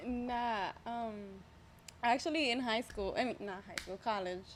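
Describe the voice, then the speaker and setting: A woman's voice: fairly high pitch, a little hiss or hum. Chatty woman guest telling a story. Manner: quick, chatty, filler-heavy storytelling. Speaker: podcast guest, pole dancer. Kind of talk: casual chat.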